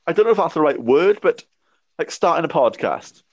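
Fairly high-pitched and expressive, this young man in his twenties speaks fairly quickly as a podcast guest in casual conversation, reflecting aloud with a stammer and repeated restarts. The lo-fi audio is dry and muffled, with no room sound.

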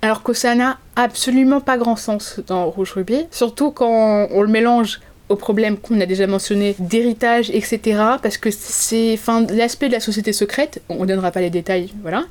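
A woman's voice: fairly high pitch, moderate pace, a little mellow. A young woman co-hosting a podcast, talking casually about films in a chatty, wry, digressive way. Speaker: podcast co-host. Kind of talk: casual chat reviewing films.

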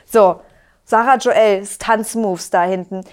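A woman's voice: medium pitch, slow. A woman co-hosting a casual reaction podcast, chatty, asking questions and agreeing readily. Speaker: podcast co-host.

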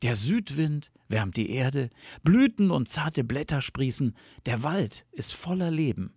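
A man's voice: a little high, very animated, moderate pace, no echo, clean studio sound, voice pushed up. A man voicing a fretful, complaining male fox in a storybook reading, in a raised, plaintive voice. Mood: dreamy.

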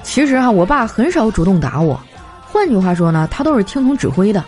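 A young woman telling comic anecdotes in a chatty, animated way, slipping into voices for the people in her stories. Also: mid-range voice, a little fast. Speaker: comedy storyteller. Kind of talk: scripted comic monologue. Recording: light background music. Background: faint music.

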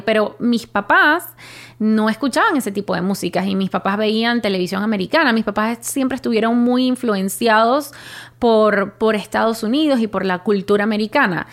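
A young woman, casually telling her own life story with many fillers and restarts. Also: mid-range voice. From Venezuela. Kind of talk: personal storytelling monologue.

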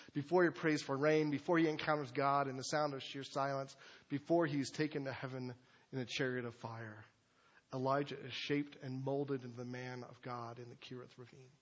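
The lo-fi recording captures a medium-pitched male pastor teaching from his sermon series. He talks casually, drifting into asides and filler words.

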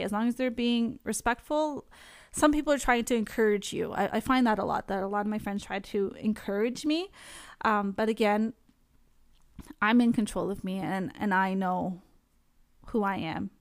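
A young woman speaks straight to her viewers in a candid, chatty way, with laughter slipping in between her points. Her voice sits at a middle pitch for a woman. The sound is close and dry, with no room around it. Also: normal speed, dry recording. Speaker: vlogger sharing her experience with anxiety. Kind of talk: casual direct-to-camera talk.

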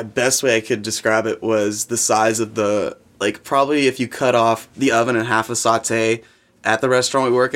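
Profane rambling young cook. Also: male voice, lowish voice, a bit bright. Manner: rambling, profane, lots of fillers. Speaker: guest chef. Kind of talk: casual storytelling.

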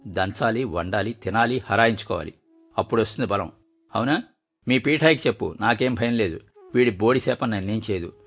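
A man reading a story aloud and voicing a sharp-tongued old grandmother who scolds with scorn and defiance. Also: lowish voice, brisk, soft background music. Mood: scolding.

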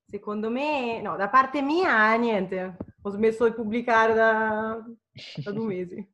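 A woman's voice: a little high, takes it slowly, sharp tone, muffled recording. Young woman with dialect tinge, noisy recording. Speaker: podcast guest. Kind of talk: casual group chat. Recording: clearly noisy background.

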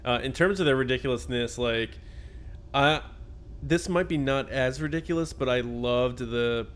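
A man with a mid-pitched voice co-hosts a podcast. He tells stories in an animated, profane way and acts out quotes along the way. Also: normal speed, slight background noise. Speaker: podcast co-host. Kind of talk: casual chat about a film.

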